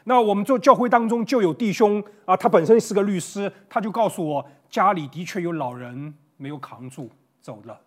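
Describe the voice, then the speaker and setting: A man's voice: sits high, a little fast. A man preaching an online Sunday sermon to a camera, earnest and conversational, stumbling over words at times. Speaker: pastor. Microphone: facing a camera.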